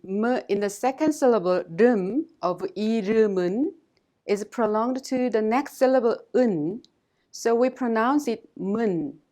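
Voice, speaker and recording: A woman teacher giving a scripted language lesson in a measured, instructive way, pausing to model phrases for listeners to repeat. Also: a little high, a little mellow.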